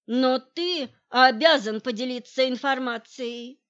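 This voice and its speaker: A woman's voice: high voice, takes it slowly, fairly bright tone, dull audio. A woman reading the lines of an insistent man who reproaches his partner for hiding information. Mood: reproachful. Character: pushy man demanding shared information.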